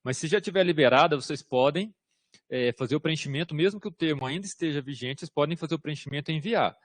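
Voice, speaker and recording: Speaking fast in a voice on the high side, a Brazilian man instructing on government systems answers questions in an online workshop. He explains informally, repeating "tá?" and filling gaps with hesitant fillers; there's no echo.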